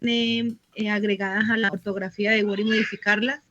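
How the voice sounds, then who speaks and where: A woman's voice: medium pitch, level tone, normal speed, fairly bright tone, no room sound, lo-fi sound. A woman student asking her teacher a question over a video call, polite and a little hesitant. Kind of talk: question in online class.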